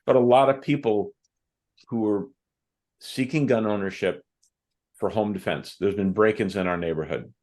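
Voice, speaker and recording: A podcast guest who is both an author and a firearms instructor tells thoughtful, measured stories about his classes. His pitch is fairly low and his sound a little mellow.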